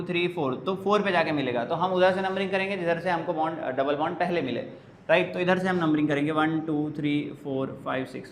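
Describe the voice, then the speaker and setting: A man's voice: on the high side, a bit bright. A male chemistry teacher giving a classroom lecture step by step. He asks questions and answers them himself, counting carbons aloud. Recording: echoey room with faint background hiss.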